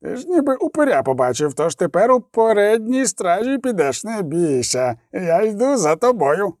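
A man voicing a gruff, boastful male dwarf warrior in an audiobook, grumbling and swearing. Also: high-pitched, sing-song, normal speed, darkish tone, no room sound, studio quality, pitched above the performer's own voice. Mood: blustering. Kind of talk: audiobook character voice.

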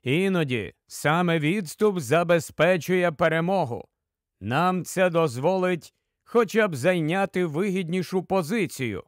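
A man doing a calm philosophical centaur. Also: high-pitched, measured pace, dry recording, clean studio sound. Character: wise calm male centaur.

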